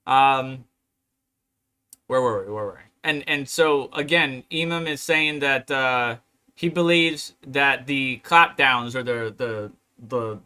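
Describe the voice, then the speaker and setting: A man's voice: medium pitch, sharp tone. A man hosting a casual livestream, reading articles and chat aloud and rambling in asides. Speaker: crypto livestream host.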